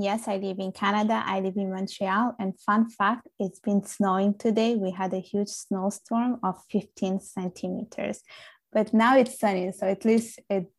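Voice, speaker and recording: A chatty young woman from Italy. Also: medium pitch. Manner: earnest, chatty, frequent fillers. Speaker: podcast guest. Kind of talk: casual interview conversation.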